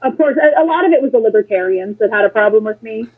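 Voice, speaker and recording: An American woman, a former political candidate appearing as an interview guest, chats casually in a fairly high, breathy voice at a quick, animated clip. She tells opinionated anecdotes with blunt sarcasm and free swearing. The audio is muffled and lo-fi, like a phone line.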